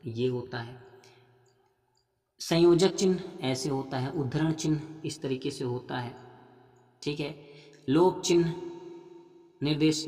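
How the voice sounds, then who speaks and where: A man's voice: on the high side, a little mellow, reverberant, big-room sound. A man teaching Hindi grammar for a police exam, patient and repetitive, with a regional Jharkhand accent. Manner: patient, addresses viewers as friends, repeats "theek hai". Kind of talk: explaining grammar practice questions.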